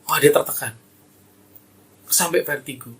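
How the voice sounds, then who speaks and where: A man's voice: on the high side, measured pace, breathy edge. A middle-aged male pastor preaching a sermon and praying for his congregation, with emphatic rising exclamations and frequent direct address to his listeners.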